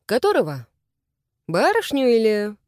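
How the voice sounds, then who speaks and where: A woman's voice: a little high, wildly swooping pitch, unhurried, a little mellow, no room sound, clean studio sound. A woman voicing the young son of a demon lord, cold and commanding, in an audiobook reading. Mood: stern. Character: young male demon lord's son, stern, proud.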